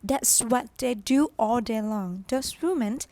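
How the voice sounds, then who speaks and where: A spoiled, demanding rich girl, played by a woman with a Thai accent, high-pitched and unhurried as she tells her story. The voice is close and dry, with no room sound. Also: mellow, no echo. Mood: boastful. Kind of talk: student stage play.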